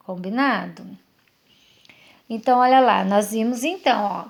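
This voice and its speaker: With a fairly high but darkish-toned voice, a woman primary school teacher explains a lesson to young kids one step at a time. She stays patient and keeps checking their understanding with questions.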